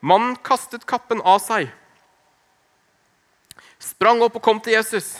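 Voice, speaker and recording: A man preaching a sermon, earnest and emphatic, slowing down on key phrases and dropping to a hush. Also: high voice. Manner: earnest, slow emphatic phrasing with wide swings in loudness.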